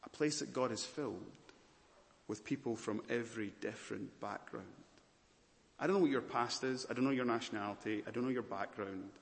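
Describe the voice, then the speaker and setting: A man born in Malawi who grew up in Scotland, preaching a sermon as pastor with dramatic pauses and rising swells. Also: medium pitch, gravelly. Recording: long hall reverb.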